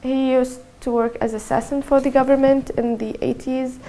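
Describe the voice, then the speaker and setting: A 21-year-old Syrian woman with a Syrian accent gives a halting personal testimony in an interview, often repeating her words. Her voice is high and warm, delivered flatly.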